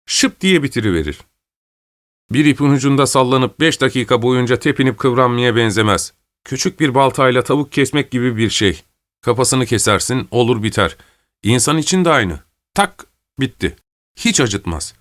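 A man's voice: mid-range voice, expressive, moderate pace, a bit bright, close to an everyday voice. A man voicing a simple-minded gendarme who rambles cheerfully about executions. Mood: morbid glee. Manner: rambling, gleefully morbid. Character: simple-minded male gendarme, chatty, crude, blustering.

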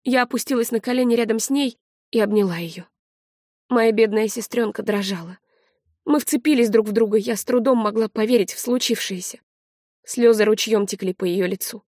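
Woman narrator, first-person audiobook, measured, quietly tense, fairly high voice, dry close sound. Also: dry recording.

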